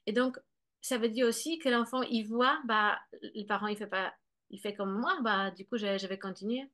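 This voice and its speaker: A guest expert on bilingual children explains the topic in conversation, her medium-pitched voice sharp in tone and moderately paced. She is hesitant, full of fillers and restarts, and acts out what children and parents say.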